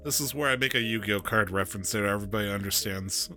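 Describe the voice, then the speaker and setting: A man with a lowish voice takes part in casual tabletop role-play. He is jokey and a little theatrical, and music is clearly audible behind him. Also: fast talker, sharp tone. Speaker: tabletop game player.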